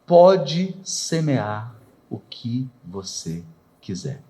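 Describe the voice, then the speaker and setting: A man's voice: medium pitch, big pitch swings, extremely slow, dark tone. A man from Brazil, giving a spiritist lecture in a rhetorical way, asking questions and acting out quoted voices. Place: lecture hall of a spiritist center.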